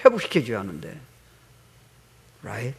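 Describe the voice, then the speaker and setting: A man's voice: medium pitch, huge pitch swings, measured pace, gravelly, husky. A middle-aged male pastor preaching a sermon, telling stories animatedly and mixing in English words. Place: church sanctuary. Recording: long hall reverb.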